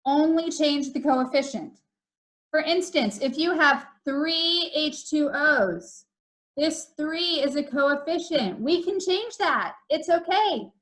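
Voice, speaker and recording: Fairly high-voiced woman teaching a lesson. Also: animated, takes it slowly, fairly bright tone, low-quality recording. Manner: explanatory, stresses key rules by repeating them. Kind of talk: recorded video lesson.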